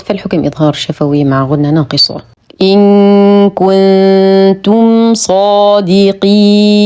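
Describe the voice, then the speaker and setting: A woman teaching Quran recitation rules, explaining each rule and then reciting words slowly and precisely. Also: lowish voice, dark tone. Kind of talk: tajweed lesson, explaining rules between slow recited words.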